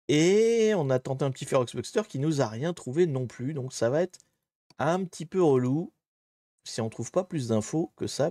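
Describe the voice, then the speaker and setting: Male live-stream host, mid-pitched, casual and self-mocking, close dry mic. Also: mellow, dry recording. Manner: chatty, thinks aloud, greets viewers in chat; laid-back and self-mocking. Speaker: livestream host.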